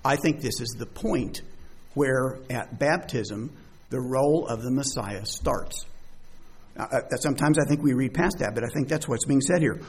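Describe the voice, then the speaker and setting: A man's voice: mid-range voice, normal speed, husky. A man preaching a conversational sermon, reading verses and asking rhetorical questions. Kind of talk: sermon, bible study.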